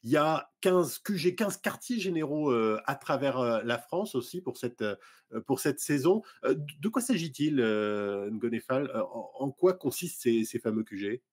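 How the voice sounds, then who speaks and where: A middle-aged man with a husky, slightly breathy voice hosts a television arts interview. He asks his questions in a lively way over a video call, scattered with fillers, at a middle pitch. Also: normal speed. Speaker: TV arts show host.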